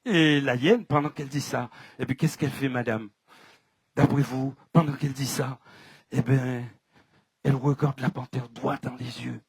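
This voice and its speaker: A man with a French Caribbean accent telling folk tales live, in a lively, dramatic way that speaks straight to the audience. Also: medium pitch, normal speed, breathy edge, dry recording. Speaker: storyteller.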